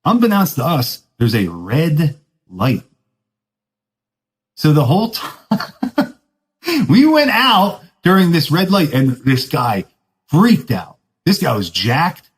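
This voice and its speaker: A man hosts a podcast, telling a loose story in relaxed surfer slang. His pitch jumps all over as he talks, swinging high and low. He pokes fun at himself and laughs along the way. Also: takes it slowly, long pauses, low-quality recording. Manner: laid-back surfer talk, keeps saying "dude"; rambling, self-mocking, laughs often. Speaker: podcast host. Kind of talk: casual storytelling monologue.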